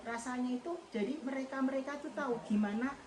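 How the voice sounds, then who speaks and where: A woman's voice: high voice, quick pace. A woman in her sixties giving an earnest, devout personal testimony about her volunteer work, in a home visit. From Indonesia. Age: 60s. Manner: earnest, emotional and devout storytelling. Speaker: hospital patient-escort volunteer. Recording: roomy with loud background noise.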